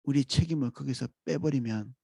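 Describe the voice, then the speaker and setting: Gravelly, calm Korean pastor. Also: male voice, mid-range voice, no room sound. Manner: calm, reflective, with pauses and restarts. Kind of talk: dawn sermon.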